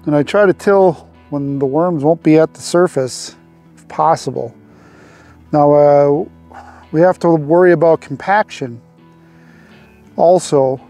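A man in his forties hosts a homesteading vlog, talking through a farm task in a relaxed, unhurried way with plenty of fillers. His voice is mellow and a touch high, picked up dry on a lapel mic out in an open field. Soft music plays faintly behind him. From Arkansas. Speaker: homesteading channel host. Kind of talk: casual instructional vlog.

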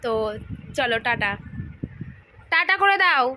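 A woman's voice: high-pitched, lively intonation, takes it slowly, bright, forceful tone, poor audio. A woman vlogger talking to her pet parrot in a playful, mock-scolding way, coaxing and repeating herself.

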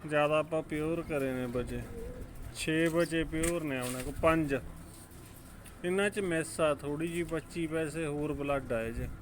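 A man's voice: a little high, normal speed. A man with a Punjabi accent giving casual, informal running commentary as a pigeon-keeping vlogger, often addressing viewers as brothers. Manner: informal, calls viewers brother, banters with helpers. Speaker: pigeon keeper and vlog host. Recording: clear background noise, cooing pigeons. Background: pigeons cooing.

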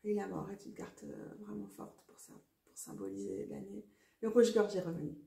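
French woman rambling to the camera, mellow voice, laughs at herself a lot, echoey sound. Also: medium pitch, very animated, normal speed, vocal fry. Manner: chatty, self-mocking, laughs often. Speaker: tarot vlogger. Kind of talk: casual talk to camera. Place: outdoors near a garden with birds.

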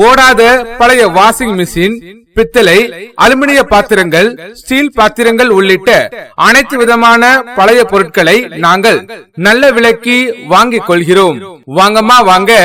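A man's voice: very high-pitched, sharp tone. A man making a scrap dealer's street announcement, calling out lists of items like a singsong street hawker.

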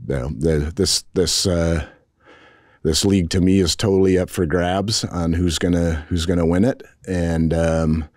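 A middle-aged man with a very low voice speaks into a cluster of table microphones at a post-game press conference. He answers frankly and measuredly, restarting sentences often. The sound is dry and close. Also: fairly even intonation, unhurried, darkish tone, no room sound. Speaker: head football coach. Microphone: table mics in front.

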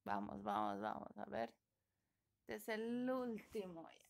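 A woman's voice: medium pitch, slow, gravelly. A woman teaching an online class, patiently prompting her students and coaxing them to answer. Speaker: English teacher.

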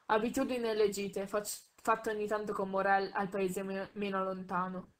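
Una donna che legge un romanzo ad alta voce con tono misurato, correggendo ogni tanto qualche piccolo inciampo. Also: female voice, medium pitch, flat delivery. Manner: measured, with small slips and self-corrections. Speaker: audiobook reader. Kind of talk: reading a novel aloud.

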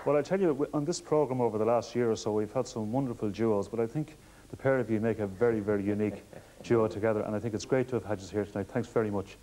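An Irish man presenting a music programme, thanking his guests quickly and signing off. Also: fairly low pitch, mellow, low-quality recording. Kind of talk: programme sign-off.

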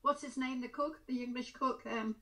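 Very old woman, bright high voice. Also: steady tone. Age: over 100. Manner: halting, repeating words and searching for them. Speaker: interviewee. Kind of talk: casual recollection in conversation. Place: small room at home, indoors.

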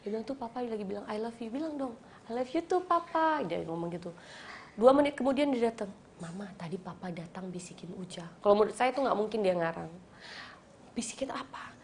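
Brief: woman guest, thirties, gravelly and soft, reflective storyteller. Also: mid-range voice, animated, fast, slight background noise. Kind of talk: casual chat.

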